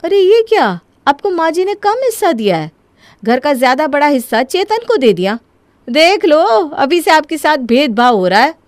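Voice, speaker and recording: A woman voicing a scheming young wife who coaxes and presses her husband in an animated story. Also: high-pitched, moderate pace, no echo, lightly acted. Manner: insistent, coaxing.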